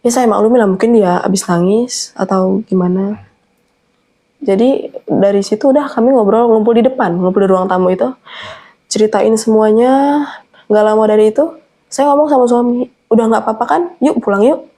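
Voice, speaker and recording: A woman's voice: mid-range voice, moderate pace, pauses often, mellow. A young adult woman telling a personal horror story in an earnest, anxious way. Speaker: guest storyteller.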